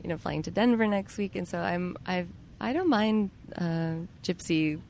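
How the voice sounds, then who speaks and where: A woman's voice: on the low side, normal speed, creaky, darkish tone, a little hiss or hum. Reflective woman chatting as podcast guest. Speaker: podcast guest, yoga teacher. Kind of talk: casual interview chat. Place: outdoors in a park.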